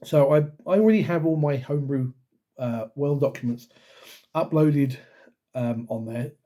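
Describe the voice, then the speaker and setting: A man's voice: medium pitch, normal speed, mellow. A man hosting his tabletop game channel, talking casually to his viewers while getting over a cough, rambling with lots of ums and corrections. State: recovering from a cough, slightly croaky. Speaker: YouTube D&D channel host. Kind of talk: casual vlog talk to camera.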